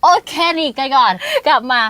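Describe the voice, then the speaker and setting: A woman's voice: moderate pace, bright, forceful tone, no echo. A young woman co-hosting a talk show in casual chat, playful and teasing.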